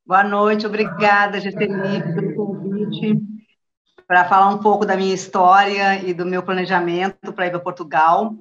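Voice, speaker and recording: A middle-aged journalist from Rio Grande do Sul in southern Brazil, speaking with a Brazilian accent, shares a casual personal account as an interview guest. Her medium-pitched, slightly bright voice is flat and moderately paced, heard over a dull, lo-fi online call.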